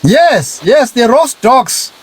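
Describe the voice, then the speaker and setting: A man with a high voice argues insistently and scornfully. He often stalls on fillers and then pushes on. He sounds like a participant taking his turn in a live discussion. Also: very animated, slow, breathy edge. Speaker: speaker in a live audio discussion. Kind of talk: heated argument.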